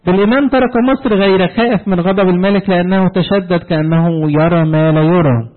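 A man with an Egyptian Arabic accent delivers a sermon and tells the story lively, pausing on questions for the listeners to complete. His voice sits a little high for a man. The recording is narrow and tinny, like a phone line. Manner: asks the congregation fill-in questions ending in "what?"; animated storytelling, retelling dialogue. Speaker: preacher.

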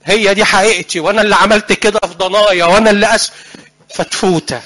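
A man with an Egyptian accent preaching a church sermon, animated and putting questions to the congregation. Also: sits high, fast talker. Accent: Egyptian Arabic.

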